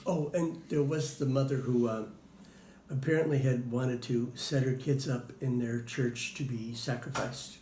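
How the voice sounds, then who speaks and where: A man's voice: mid-range voice, steady tone, a little slow, warm tone. A man answering interview questions in a casual, hesitant way, with many fillers. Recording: roomy with faint noise.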